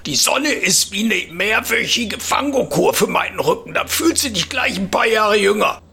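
A man's voice: sits high, animated, moderate pace, vocal fry, sharp tone, slightly rough, soft background music, pitched above the performer's own voice, heavily acted. A man voicing a chatty, folksy old retired grandpa with a Ruhr area German accent, telling rambling comic stories for a podcast. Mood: cheerful.

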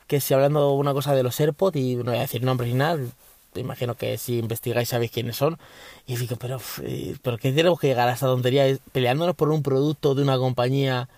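A man's voice: medium pitch, darkish tone, no room sound. A man from Spain, hosting a casual podcast from his parked car, rambling with frequent restarts and mild swearing. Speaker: podcast host. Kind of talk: casual chat.

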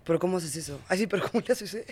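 A woman's voice: fairly low pitch, lively intonation, rapid-fire, a little mellow, husky. A woman co-hosting a casual chat, playful and laughing often. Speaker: podcast co-host.

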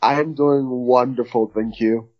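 A man from Liberia, a guest author, telling his story in a relaxed, reflective way over the phone. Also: medium pitch, slow pace. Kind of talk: phone interview. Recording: dull phone line.

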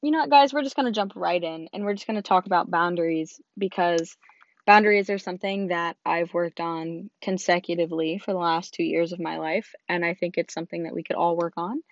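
A young woman talks in a hoarse voice that has gone low and husky from losing it. She sounds chatty and sincere, and she wanders a bit as she goes. The recording is dull and dry. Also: fairly even intonation, fairly quick, no echo. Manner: chatty, earnest, rambling. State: hoarse, lost voice. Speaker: host. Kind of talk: casual talk to camera.

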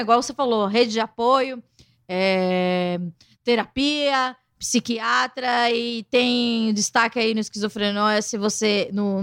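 A woman hosting a podcast in casual chat, chatty and quick to laugh. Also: on the high side, a bit bright, clean tone. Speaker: podcast host.

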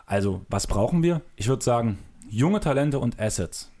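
A man's voice: medium pitch, expressive, normal speed, warm tone. Teasing, joking male podcast co-host. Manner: teasing, joking, drives the conversation with questions. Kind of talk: casual basketball chat. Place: room with closed soundproof windows.

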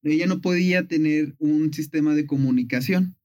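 A man casually retelling a myth on a talk show. His voice sits a bit high, and he tells the story playfully, with plenty of fillers. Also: moderate pace, mellow.

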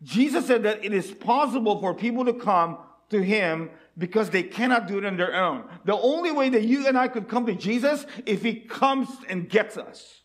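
High-voiced man preaching a sermon. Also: expressive, moderate pace, few pauses. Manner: rhetorical questions to the listeners; earnest, pleading delivery.

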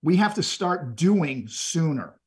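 A middle-aged Texan man appears as a podcast guest, telling stories and offering motivational advice in an earnest, conversational manner, often repeating words as he starts phrases. His voice is fairly high and husky, with big pitch swings, and he takes his time.

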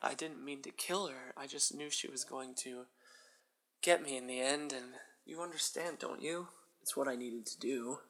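A man's voice: mid-range voice, moderate pace, a bit bright, close to an everyday voice, poor audio. A man doing a jittery escaped mental patient. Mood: frantic. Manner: stammering, rambling, restarts. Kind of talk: amateur radio drama. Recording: music playing underneath.

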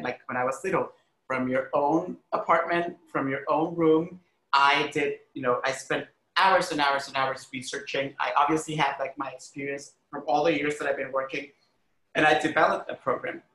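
An arts critic and educator from Honduras, a podcast guest, tells personal stories earnestly and emphatically in a conversational interview, often saying "like" and "you know". His voice is a little high, pushed and bright, on a rough recording in an echoey room.

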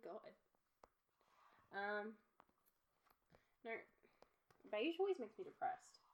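A woman's voice: mid-range voice, big pitch swings, very slow, poor audio. Giggly woman. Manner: giggly, teasing. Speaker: podcast co-host. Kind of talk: casual chat.

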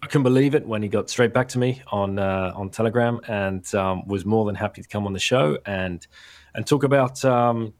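A man hosting his podcast, talking casually with frequent pauses and restarts. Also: lowish voice. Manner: halting, many fillers and restarts. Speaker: podcast host.

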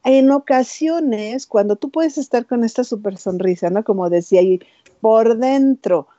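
A woman's voice: on the high side, measured pace, dark tone, no echo, highs cut off. A woman hosting an interview, talking with enthusiasm and often adding tag questions. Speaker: host. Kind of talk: casual interview chat.

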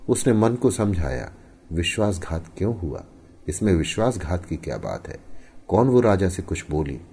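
A man narrating a story in an expressive audiobook style, with emphatic rises and hushed falls. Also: deep voice, moderate pace.

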